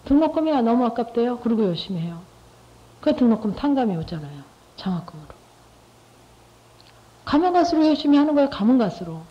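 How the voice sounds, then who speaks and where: A woman's voice: a little high, big pitch swings, brisk, long pauses. A middle-aged woman giving a church testimony in a conversational, repetitive way, often asking her listeners rhetorical questions. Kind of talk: testimony talk to a church group. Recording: dull lo-fi recording.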